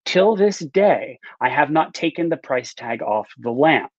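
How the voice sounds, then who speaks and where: A middle-aged novelist, interviewed as a guest on a video call, tells personal stories casually, often restarting his sentences. His voice sits on the high side, expressive and unhurried, with no echo. He's indoors in a home room with bookshelves, using earbuds with no visible microphone, and the webcam audio is slightly dull.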